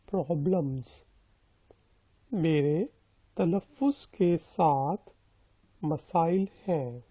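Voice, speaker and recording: A man's voice: a little high, warm tone, no echo, highs cut off. A man teaching a language lesson, repeating each sentence several times and splitting it word by word before explaining its meaning. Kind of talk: slow, repetitive phrase drilling with explanations.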